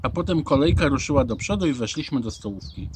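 A man's voice: mid-range voice, fast talker, noisy background. A man reading a children's storybook aloud, narrating expressively as a small boy. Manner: expressive, animated. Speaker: audiobook reader.

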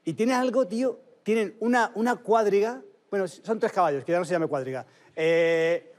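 A man telling comic anecdotes on a panel show, excitable and stumbling over his words. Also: high-pitched, moderate pace. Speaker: comedy panel guest. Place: TV studio panel.

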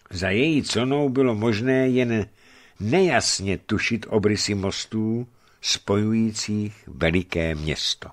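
A man reading a novel aloud as narrator, in a calm, measured way. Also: fairly low pitch. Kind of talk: scripted audiobook narration.

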